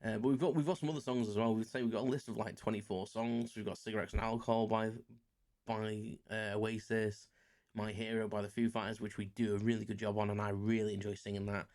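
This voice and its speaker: He talks fast with little pitch movement, his low voice carrying a darkish tone. The speaker is an Englishman of roughly forty hosting his own podcast, casual and rambling, self-deprecating, and full of fillers.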